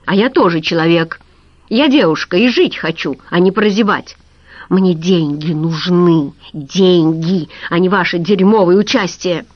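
A woman's voice: on the low side, unhurried, dry recording. A woman voicing a defiant, greedy young woman who snaps back resentfully. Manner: snappy and resentful. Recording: dull lo-fi recording.

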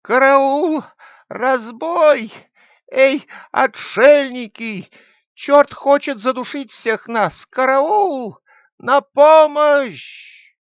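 A man's voice: medium pitch, big pitch swings, unhurried, no echo. A man voicing a scheming male thief in a read-aloud tale, in a dull, dry recording. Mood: yelling. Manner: pleading then shouting for help.

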